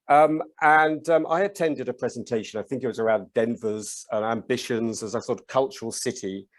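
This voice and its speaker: A man's voice: mid-range voice, darkish tone. A British man speaking on a conference panel as the leader of an orchestra association, telling stories in a chatty way with frequent ums and restarts. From United Kingdom.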